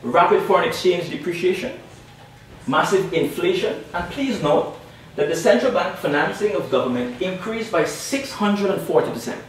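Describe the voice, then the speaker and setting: A young panel speaker from Guyana presents academic material in a high-pitched, animated voice at a moderate pace. He's emphatic, restates key points, and regularly asks "all right?" Recorded from a distance in a lecture room, the audio is very echoey with faint noise.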